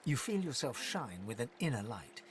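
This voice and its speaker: A man playing a solemn fantasy game narrator, reading scripted narration in a poetic, measured storytelling manner. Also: mid-range voice, very animated, close to an everyday voice.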